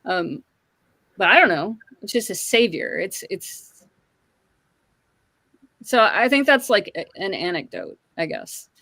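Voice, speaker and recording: A middle-aged woman talks through her feelings in a relaxed group chat, thinking aloud with plenty of fillers. Her voice sits at an ordinary pitch. It sounds dry and close on a video call. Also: takes it slowly, vocal fry, long pauses, no echo. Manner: open, reflective, with frequent fillers. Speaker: hangout participant.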